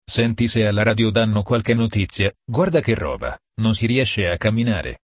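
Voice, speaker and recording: A man's voice: fairly low pitch, animated, moderate pace, no echo. A man reading aloud and voicing a puzzled man who murmurs while driving. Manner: murmuring, wondering.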